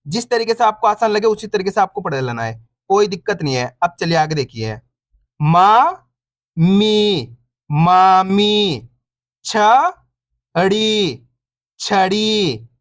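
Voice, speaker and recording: A man teaching reading online, sounding out syllables slowly, repeating each word and encouraging viewers as friends. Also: high voice, expressive, no echo, studio quality.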